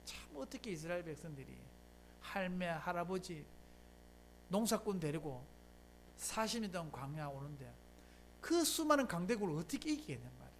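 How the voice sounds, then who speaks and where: This Sunday sermon comes from a pastor in a church sanctuary who talks at normal speed but pauses often. His voice climbs and drops dramatically as he poses rhetorical questions to the congregation and then answers them, keeping an emphatic, conversational tone. There's a slight hiss or hum.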